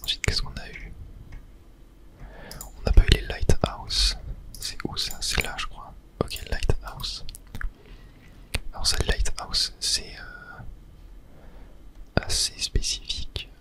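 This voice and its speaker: An ASMR gamer whispers the whole time, breathy and unvoiced, with a sharp tone, working slowly through the game with long pauses. He talks casually, as if thinking aloud, walking viewers through each step.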